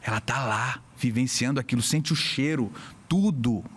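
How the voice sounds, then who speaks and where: A man from Brazil, a hypnotherapist on a casual podcast, explaining with lively little acted-out scenes. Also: mid-range voice, normal speed, slightly rough. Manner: animated, acts out little scenes with voices. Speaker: hypnotherapist guest.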